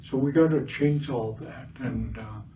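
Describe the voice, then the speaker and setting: Faint ambient noise and a distant mic capture this cultural centre talk, given at a livestreamed community event by an older man who survived residential school. He grew up speaking Blackfoot (Siksika) in Siksika Nation, Alberta, Canada, and his mid-range voice carries an earnest tone with gentle humor. Pauses and fillers come often as he speaks as a guest.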